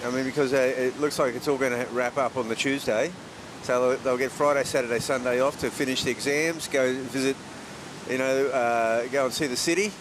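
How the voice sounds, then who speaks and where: A man's voice: steady tone, a little fast. A man chatting casually as a live surf contest co-commentator. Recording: clear outdoor noise and low rumble.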